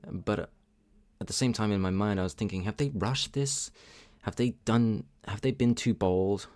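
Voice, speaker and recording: A man reviewing a song in a casual reaction video, thinking aloud with frequent ums and restarts and giving candid, measured opinions. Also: on the low side, a little mellow. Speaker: music reaction channel host. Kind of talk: casual spoken music review.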